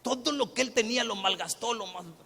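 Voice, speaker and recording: A male pastor preaches in a conversational, storytelling way. His voice is strikingly high, bright and gravelly, with a husky grain. It rings with the long reverb of a church hall. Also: brisk. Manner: conversational storytelling with rhetorical questions. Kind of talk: sermon. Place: church sanctuary.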